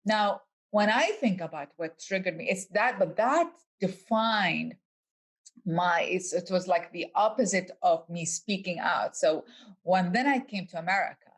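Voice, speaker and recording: A woman's voice: on the low side, measured pace. A middle-aged woman from Iraq, hosting the interview, speaking in a reflective, personal way over a video call. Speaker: host.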